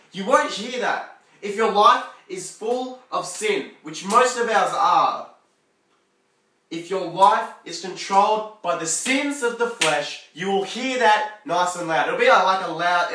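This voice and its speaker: Young guy giving an earnest faith talk, bright tense voice, echoey room, off-mic. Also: high-pitched. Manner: earnest, repeats key points. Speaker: youth speaker. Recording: roomy echo, far from mic.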